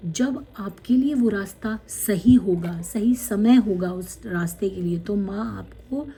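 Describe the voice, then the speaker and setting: A woman tarot card reader, gently guiding viewers through a spiritual card reading, with many fillers. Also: medium pitch, husky. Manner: slow, gentle guidance with many fillers, reading card messages aloud in English.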